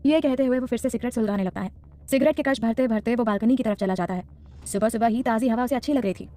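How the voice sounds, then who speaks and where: A woman narrating a scripted audio drama in a brisk, dramatic way. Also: on the high side, warm tone. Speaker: storyteller.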